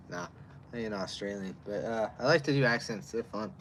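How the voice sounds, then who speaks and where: This beer-reviewing livestreamer is a man with a lowish voice, speaking unhurriedly with a slightly bright tone over a faint hiss or hum. Outdoors in chilly air, he rambles casually and answers his chat in a loose, plain-spoken way.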